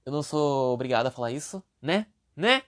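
On his own podcast, a young man with a Brazilian Portuguese accent rambles casually in a solo monologue, cracking jokes at his own expense. His voice is mid-range and a little mellow, and he talks fast.

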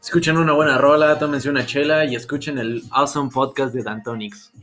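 A man's voice: mid-range voice, fairly even intonation, a little fast, fairly bright tone, faint music behind. A young man from Mexico with a Mexican Spanish accent, co-hosting a podcast and telling stories in slangy, profane chat. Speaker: podcast co-host. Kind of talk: casual chat.

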